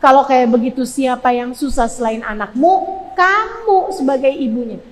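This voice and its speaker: A woman in her forties from Indonesia, preaching to mothers with emphatic, repetitive phrasing that climbs toward near-shouting. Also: high voice, lively intonation, moderate pace. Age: 40s. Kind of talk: religious lecture to women. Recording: long hall reverb.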